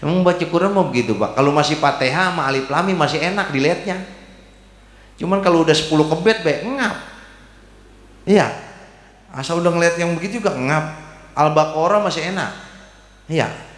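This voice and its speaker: A man's voice: on the high side, brisk, long pauses. A man preaching a humorous sermon, joking and teasing the congregation in colloquial speech. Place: mosque hall. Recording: echoey mosque hall with long reverb.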